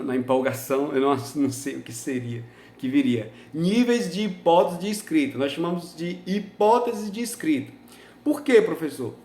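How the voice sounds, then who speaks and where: High-pitched emphatic Brazilian lecturer, echoey. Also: male voice. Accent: Brazilian Portuguese. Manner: emphatic, forceful, rhetorical questions. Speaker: teacher. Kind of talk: university lecture.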